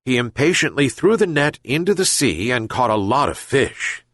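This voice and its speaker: A man's voice: dry recording, clean studio sound. A man reading a children's fable aloud as a narrator. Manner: slow, gentle, very lively pitch. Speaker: reader. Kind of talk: storybook narration.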